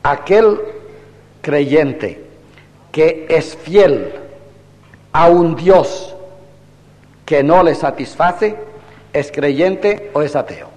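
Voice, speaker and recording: A man's voice: on the high side, lively intonation, extremely slow, long pauses, darkish tone, in a large hall. An older man, a priest, giving a classroom lecture on theology, asking his listeners rhetorical questions and acting out quoted exchanges.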